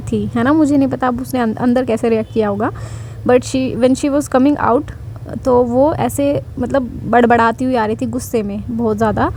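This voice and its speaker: A woman's voice: a little high, a little mellow, a little hiss or hum. A young woman casually recounting her job interview to her viewers, chatty and reassuring, mixing in English phrases. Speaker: vlogger sharing interview experience. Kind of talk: casual chat.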